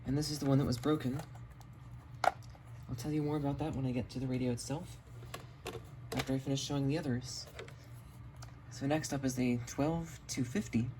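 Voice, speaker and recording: Steady and mid-range, the man's voice moves at a moderate pace with frequent pauses. As a radio collector recording on his phone in a home basement, with noticeable background noise, he presents his finds in a plain, casual vlog.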